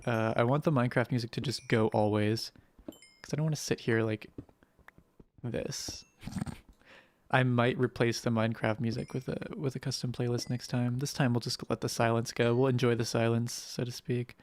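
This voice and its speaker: Hoarse, rambling gaming streamer. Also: medium pitch, little pitch movement, brisk, slight background noise. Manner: rambling, swears freely, chats with viewers; speaks gently to spare the voice. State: hoarse, roughed-up voice. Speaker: game streamer. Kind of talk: casual live-stream gameplay commentary.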